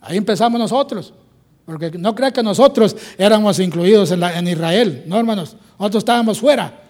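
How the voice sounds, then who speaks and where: High-voiced Mexican Spanish preacher. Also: male voice, animated, brisk, a little mellow. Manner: repetitive, calls "hermanos" and "amén" often. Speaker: pastor. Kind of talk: sermon.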